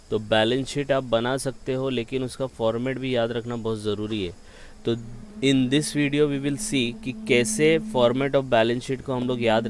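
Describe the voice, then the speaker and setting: Casting note: man teaching exam prep, smooth clear voice, asks a question and then answers it himself. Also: medium pitch. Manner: repeats questions to the student, mixes English terms into Hindi. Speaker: accounting teacher. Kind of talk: explanatory lecture.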